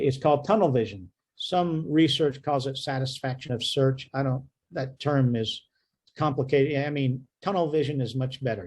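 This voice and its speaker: A man's voice: medium pitch, darkish tone. A man, a radiologist, giving a medical lecture in a joking, conversational way, often checking in with "okay?". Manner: jokey, conversational, frequent "okay?" check-ins.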